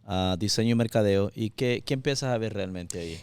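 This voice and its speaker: A man's voice: on the low side, a little fast, darkish tone, clear, resonant tone, no echo. A man from El Salvador hosting an interview, encouraging the guest with frequent affirmations and sharing his own story. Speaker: interview host. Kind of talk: conversational interview.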